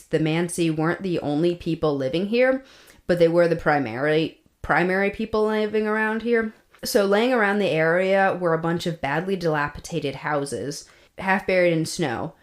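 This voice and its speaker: A woman co-hosting a podcast, telling the story in a casual, chatty way with fillers and laughs. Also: lowish voice. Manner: chatty, laughs often, many fillers and restarts. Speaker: podcast co-host. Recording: roomy echo.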